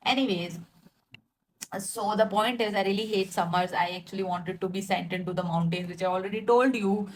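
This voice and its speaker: A woman vlogger in her twenties rants casually to her followers, speaking a little fast in a mid-range voice through poor audio. She's chatty and self-mocking, laughing often and filling her rambling talk with "like" and other fillers.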